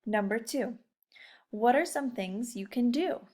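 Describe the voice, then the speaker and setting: A young female teacher with a slightly high, darkish voice speaks a little slowly as she leads a read-aloud. Friendly and encouraging, she talks casually with the kids and often quizzes them directly.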